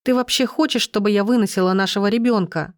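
A woman's voice: mid-range voice, quick pace, no echo, clean studio sound, lightly acted. A woman voicing a young pregnant woman in a storybook, trembling and pleading. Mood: tearful.

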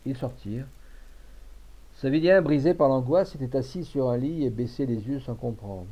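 Mellow-voiced man reading a classic tale. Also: mid-range voice. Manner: measured, expressive storytelling. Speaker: narrator. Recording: dull lo-fi recording.

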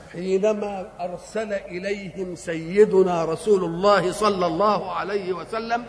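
An older man with an Egyptian accent preaching a sermon, asking rhetorical questions and answering them himself. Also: high-pitched. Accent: Egyptian Arabic. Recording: hall reverb with faint noise.

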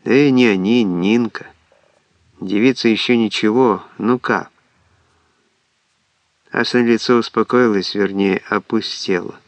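A man with a fairly low voice narrates a literary audiobook, telling the story in a measured, expressive way. The recording is dry.

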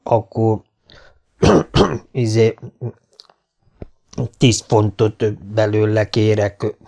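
A man's voice: lowish voice, creaky, a little mellow. A man voicing a shy, elderly farmer who stammers and hesitates with every word. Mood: bashful, flustered. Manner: halting, full of hesitations.

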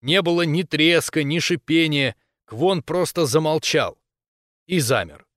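A man narrating a first-person science fiction story in a steady storytelling manner. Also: a little high, a little slow, no echo, studio quality. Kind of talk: audiobook narration.

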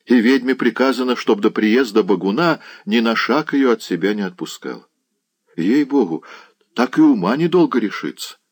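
A man's voice: medium pitch, expressive, moderate pace, close to an everyday voice. A man reading an audiobook, voicing a young male servant lad who talks in a rustic, exclaiming, pleading way. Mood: bewildered. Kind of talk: audiobook character voice.

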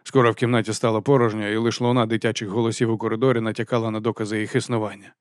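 A man narrating an audiobook in the first person, with a steady, wry storytelling manner. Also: fairly low pitch, racing, no echo, clean studio sound.

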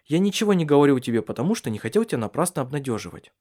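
A man's voice: medium pitch, sing-song, rapid-fire, dark tone. A man voicing a wry, stubborn bedridden husband in an audiobook, talking dryly and curtly. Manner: dry, curt, teasing. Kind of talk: audiobook character reading.

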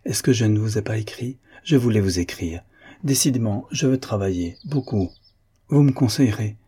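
A man's voice: fairly low pitch, expressive, normal speed, warm tone, husky. A man voicing an older, sick father who asks agitated, pressing questions in a storybook reading. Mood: anxious.

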